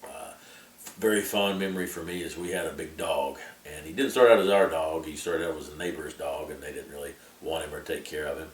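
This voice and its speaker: A man's voice: extremely low pitch, fairly even intonation, a little fast. A man casually recalls his childhood, repeating words as he feels his way along. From Appalachian Tennessee, US. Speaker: interviewee sharing memories. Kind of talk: casual oral-history recollection. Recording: echoey room, distant mic, background noise.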